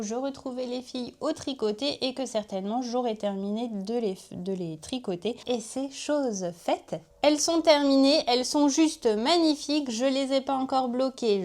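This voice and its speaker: A woman's voice: fairly high pitch, a little mellow. A woman hosting a knitting podcast, talking casually and chattily to her viewers, often laughing at herself. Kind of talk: casual chat to camera.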